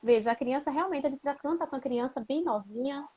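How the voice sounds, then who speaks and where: A woman's voice: high-pitched, fairly quick, darkish tone, rough recording. A woman who is a teacher hosts the interview with a Brazilian accent, asks questions and affirms the answers with short replies. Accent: Brazilian Portuguese. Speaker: host, teacher.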